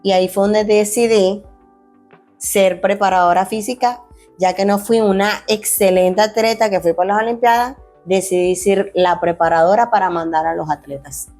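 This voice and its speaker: A woman's voice: medium pitch, steady tone, moderate pace, a little mellow, faint music behind. Earnest woman retelling her injury story. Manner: earnest, many restarts, acts out quoted dialogue. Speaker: guest, former athlete turned fitness coach. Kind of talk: emotional personal storytelling.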